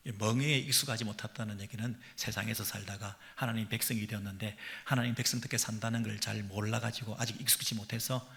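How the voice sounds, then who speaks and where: A man delivers a sermon from the pulpit of a church sanctuary. His voice has a gravelly edge with a bright, forceful tone. He drops to hushed near-whispers and then climbs to loud, pleading peaks. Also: lowish voice, fairly even intonation, fast talker, few pauses. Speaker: pastor.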